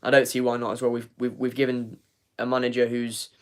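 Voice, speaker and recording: A brisk, totally flat delivery at medium pitch comes from a young man hosting a live fan review of a football match. Reading the chat as he goes, he rambles, repeats himself and uses many fillers while his voice gives out.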